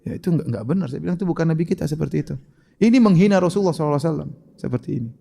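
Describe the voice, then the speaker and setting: A man's voice: on the high side, lively intonation, rapid-fire, creaky, long reverb tail. A man giving an emphatic religious question-and-answer lecture, full of rhetorical questions. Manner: emphatic, rhetorical questions, shifting loud and soft. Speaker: Islamic preacher.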